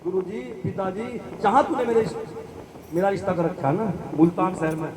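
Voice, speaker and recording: A man speaking as a shy, pleading young daughter in a high, piping voice. She sounds far from the mic, with a crowd murmuring behind. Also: moderate pace, close to an everyday voice. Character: young woman, devoted daughter, pleading and bashful. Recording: distant mic with crowd noise.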